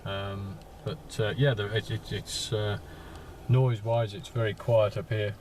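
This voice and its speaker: This is a man on amateur radio, making casual contact and swapping call signs. His delivery is low and flat, halting and full of repeated words, and it comes from a parked vehicle with some background noise.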